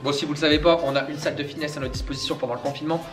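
A man's voice: a little high, steady tone, rapid-fire. Playful young man presenting in a roomy gym. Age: young adult. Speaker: co-host of a fitness challenge ranking. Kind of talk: casual joking presentation to camera. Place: indoor gym, camera a few metres away. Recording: roomy echo, music behind.

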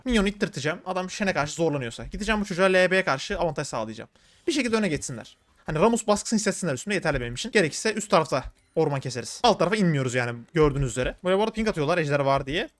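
A man giving live commentary on his own gameplay, talking to viewers in an excitable, slangy way. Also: on the high side. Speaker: gaming streamer.

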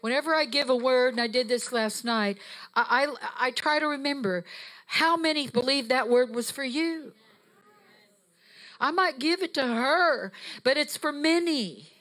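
A woman's voice: high-pitched, measured pace, a bit bright. A woman preaching with fervor and emphatic exhortation, walking the stage with a handheld mic in a church sanctuary. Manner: fervent, emphatic, rising to exhortation; walks the stage while preaching. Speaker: guest preacher. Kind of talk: sermon. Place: church sanctuary, mid-sized, indoors. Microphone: handheld microphone.

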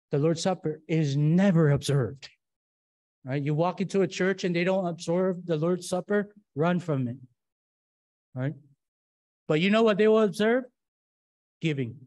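A man's voice: sits high, a little mellow. Conversational man preaching a Bible study. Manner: conversational, checks in with "right?" and rhetorical questions. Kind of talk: classroom-style sermon with fill-in-the-blank slides. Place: church room, standing at a lectern.

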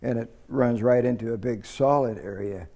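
A man's voice: mid-range voice, moderate pace, creaky, mellow, no room sound. An older man, a canoe carver, explaining his methods in plain, practical talk with some fillers, outdoors at a work site. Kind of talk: hands-on demonstration.

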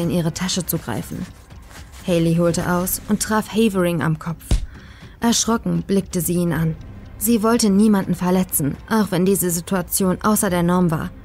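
A woman narrating a horror audiobook in a measured, ominous manner. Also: on the low side, gravelly, a little mellow. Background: faint eerie music.

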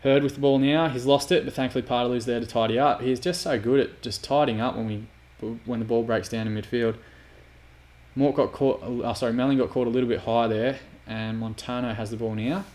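A man's voice: mid-range voice, steady tone, brisk, darkish tone. A man commentating his own football manager game, prone to sweary, exasperated outbursts. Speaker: gaming YouTuber.

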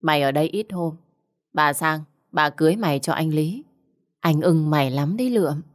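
A woman voicing a fat, fierce, bossy older village woman with a gruff voice in a storybook reading. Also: normal speed, natural voice. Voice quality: gruff booming voice. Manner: scolding, pushy.

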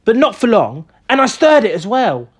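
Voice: medium pitch, big pitch swings, normal speed, slightly rough, voice pushed up. Reader doing an earnest, eager young boy.

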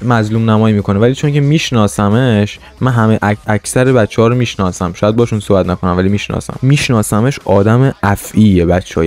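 A young man streaming a Minecraft roleplay server, playing a swaggering gangster and chatting to viewers in between. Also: on the low side. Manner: swaggering tough-guy banter, swings between loud bravado and quiet asides. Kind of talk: in-character gangster roleplay with commentary.

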